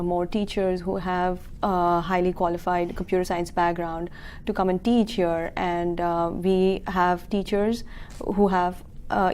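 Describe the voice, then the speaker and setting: A woman's voice: fairly low pitch, a little mellow. A woman in her thirties from Kuwait, a school founder explaining her business in a local TV interview, earnest and full of fillers. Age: 30s.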